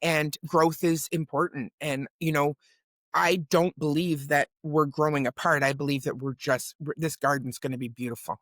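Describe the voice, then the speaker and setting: Woman podcast co-host with a deep voice, earnest and reflective, dry close mic. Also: steady tone, normal speed, dry recording. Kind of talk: reflective conversation.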